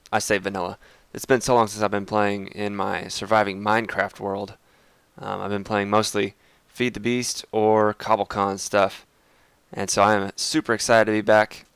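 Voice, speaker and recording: A man's voice: lowish voice, gravelly, a bit bright, clear, resonant tone, dry recording. A young man with a congested, stuffy voice, chatting casually while he plays a game and talks to his viewers. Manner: chatty and rambling, addresses viewers as guys. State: congested, clogged sinuses. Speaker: Minecraft let's play host. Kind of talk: casual gameplay commentary.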